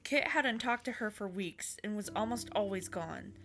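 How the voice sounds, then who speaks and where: A woman's voice: mid-range voice, animated, normal speed, a bit bright. A woman reading a story aloud as narrator, with casual asides. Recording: music under the voice.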